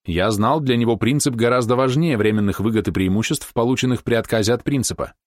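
A man reading a novel aloud in first person, with measured, steady storytelling. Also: mid-range voice, dry recording, clean studio sound. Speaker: audiobook narrator. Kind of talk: scripted first-person narration.

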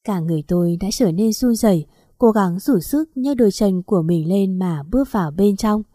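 A woman reads a first-person story aloud in a steady, even way. Her voice is warm and mellow, and the recording is close and dry with no room sound. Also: mid-range voice, moderate pace, no room sound. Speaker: story narrator.

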